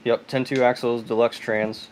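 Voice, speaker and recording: A man's voice: mid-range voice, level tone, moderate pace, slight background noise, low-quality recording. A man hosting a casual live stream from his garage, chatting and laughing while he reads out viewer comments. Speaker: livestream host. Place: home garage. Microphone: phone on tripod.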